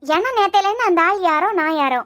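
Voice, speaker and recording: A woman's voice: very high-pitched, lively intonation, fast talker, a bit bright, dry recording, clean studio sound. A woman voicing a blunt, teasing girlfriend. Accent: Kanyakumari Tamil. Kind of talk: cartoon web-series voice acting.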